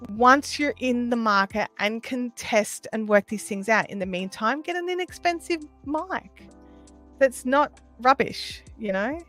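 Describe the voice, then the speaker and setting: With soft music behind her, a woman from Australia talks viewers through their questions on a casual livestream. She speaks unhurriedly in a fairly high, slightly bright voice from a small sound-treated room at home.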